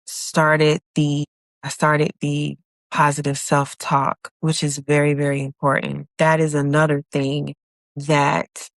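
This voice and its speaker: Slow, low-voiced woman podcast host. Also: no room sound, studio quality. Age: adult with children. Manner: calm, reflective, encouraging. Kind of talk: solo motivational podcast talk.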